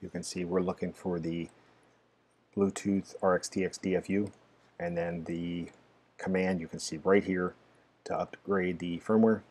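A man with a very low voice talks through a hardware and software setup on screen. His delivery is casual and halting, with plenty of fillers as he explains each step. Keyboard typing and mouse clicks sit faintly behind him. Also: level tone, slightly rough. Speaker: tech tutorial presenter. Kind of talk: screen-recorded software walkthrough.

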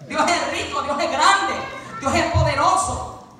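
A man's voice: extremely high pitch, measured pace, sharp tone. A man preaching a sermon at a youth vigil in a church, fervent, breaking off with repeated praise refrains between points. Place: church sanctuary. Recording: very echoey church from far off, congregation audible.

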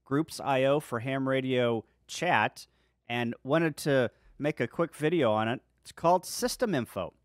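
Male tech hobbyist host, mid pitch, relaxed tutorial narration over a screen recording, dead-dry sound. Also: dry recording. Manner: relaxed step-by-step walkthrough. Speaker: ham radio video host. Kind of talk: screen-share software tutorial.

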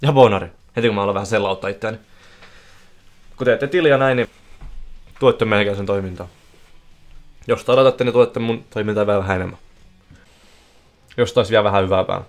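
Excitable man commentating casino games. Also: on the low side. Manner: excitable, bursts into yelling at wins. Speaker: casino streamer. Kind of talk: live casino stream commentary. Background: faint music playing.

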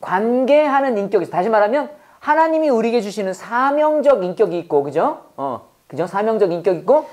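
Animated woman teaching, call-and-response. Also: a little high, a little fast. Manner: lively, call-and-response drilling with laughs. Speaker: English teacher. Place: classroom with students.

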